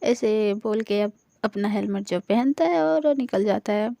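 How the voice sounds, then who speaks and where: A woman's voice: mid-range voice, lively intonation, unhurried, gravelly, mellow, no room sound. A young woman narrating a romance story in a chatty, casual way with many fillers. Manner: chatty, filler-heavy retelling.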